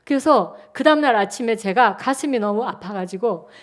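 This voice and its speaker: High-voiced woman pastor in her sixties. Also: moderate pace. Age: 60s. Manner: animated, chatty storytelling with acted-out quotes. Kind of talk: sermon with personal storytelling. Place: church sanctuary.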